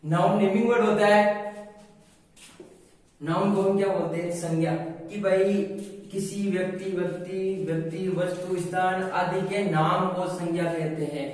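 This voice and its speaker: High-voiced teacher in an echoey room. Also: male voice, fairly even intonation, unhurried, a little mellow, distant mic. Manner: asks questions then answers them himself, repeats key words. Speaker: English teacher. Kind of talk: classroom-style lesson with call-and-response questions.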